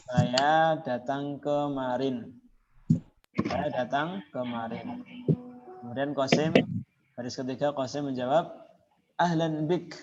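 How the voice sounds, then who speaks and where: A man teaching an Arabic class online, patiently repeating phrases slowly for his students. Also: mid-range voice, steady tone, over music. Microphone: video call. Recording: muffled video call with chattering students.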